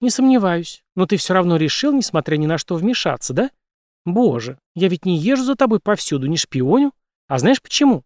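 An angry, defiant young woman snaps and swears at a man who has crept up on her, voiced by a male reader. Her lines sit high, with lively, jumping pitch. The read is dry and close, storybook style. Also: a little fast, no echo. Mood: indignant. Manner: sharp, scolding, swearing. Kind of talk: audiobook character reading.

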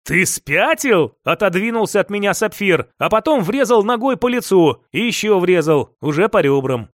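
A man narrating a first-person audiobook with a higher-pitched voice and steady, even delivery. He is close to the mic in a dry, dead studio. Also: normal speed, no room sound.

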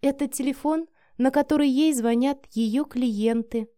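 A woman's voice: sits high, a little slow, warm tone, no echo, studio quality, voice pushed up. A woman voicing a sarcastic, contemptuous rival who speaks with cutting smugness. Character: smug, scornful rival woman.

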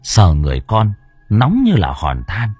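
Man, audiobook narrator, wildly swooping intonation, low husky voice, dry close sound. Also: a little slow, no room sound, soft background music. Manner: expressive, dramatic. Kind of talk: dramatic storytelling.

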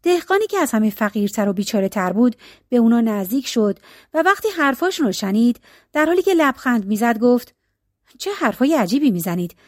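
Woman storyteller, storybook narration, expressive, animated pitch. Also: no echo, clean studio sound. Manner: expressive, lively reading.

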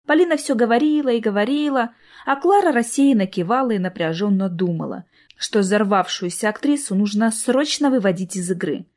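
A woman narrating a novel in an even storytelling manner. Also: a little high, fairly quick. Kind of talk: audiobook narration.

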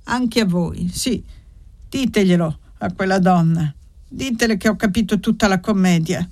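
A woman's voice: mid-range voice, normal speed, a little mellow, close to an everyday voice. A woman voicing an angry, jealous young male servant in an audiobook, bitter and insistent.

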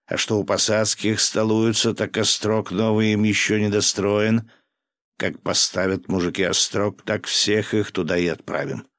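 A man voicing a gruff, domineering governor who barks orders and drinks hard, in a storybook reading. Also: lowish voice, fairly even intonation, measured pace, a bit bright, no room sound, clean studio sound, pitched above the performer's own voice. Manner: gruff, barking, commanding.

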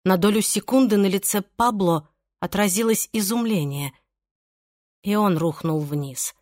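A woman narrating an audiobook in a steady, measured way. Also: mid-range voice, dry recording, studio quality. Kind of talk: scripted narration.

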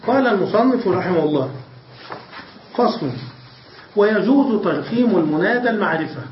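A man, a sheikh, teaching an Arabic grammar lesson, asking his students questions and repeating examples slowly. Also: high voice, animated, slight background noise. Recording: roomy, distant, dull lo-fi recording.

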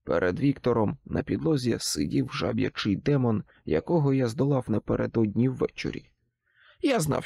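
Gravelly, expressive male audiobook narrator. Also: mid-range voice, dry recording. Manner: expressive, dramatic reading. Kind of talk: first-person audiobook narration.

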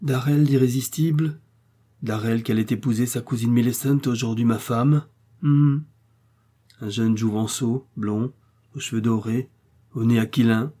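A man playing a brooding, scheming naval captain with a pensive, measured delivery. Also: medium pitch, steady tone, warm tone, lightly acted.

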